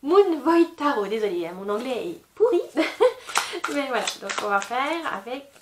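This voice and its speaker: A woman giving a casual tarot reading, chatty and gently advising, with many fillers. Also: on the high side, sing-song, a little slow, echoey room, background noise. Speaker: tarot reader.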